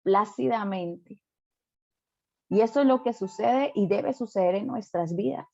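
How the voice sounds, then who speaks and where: A woman's voice: mid-range voice, unhurried, creaky, a little mellow, muffled recording. A woman pastor preaching a sermon emphatically, often adding rhetorical tag questions.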